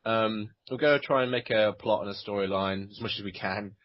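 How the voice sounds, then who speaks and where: A man's voice: lowish voice, fairly quick, dry recording. Hesitant man chatting, dull dry sound. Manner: hesitant, many restarts and fillers. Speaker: podcast co-host. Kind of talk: casual chat. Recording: dull lo-fi voice recording.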